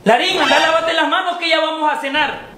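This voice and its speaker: A man's voice: very high-pitched, brisk, very noisy. A man playing an eager, childlike part in a comedy skit. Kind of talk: comedy sketch voices.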